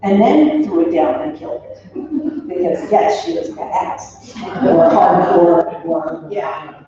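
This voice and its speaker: A woman in her sixties, her voice on the low side, speaks slowly at her parent's funeral, giving an informal, rambling eulogy packed with anecdotes and trailing asides. A crowd can be heard behind her. She's away from the mic in an echoey room, so the recording sounds roomy, distant, muffled, and faintly noisy.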